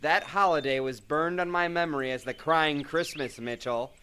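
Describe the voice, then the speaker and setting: A man's voice: a little high, moderate pace, bright, forceful tone, smooth. A man narrating and playing the lead in an amateur comedy audio drama, theatrical and mock-grand.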